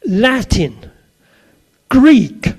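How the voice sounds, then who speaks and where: An older man from Suffolk, England, with a Suffolk English accent, gives an anecdotal sermon to a gathered live audience, his voice fairly high for a man, darkish, and edged with breath. He goes slowly and unhurriedly, his pitch swinging widely as he chats, asks questions, and adds little jokes.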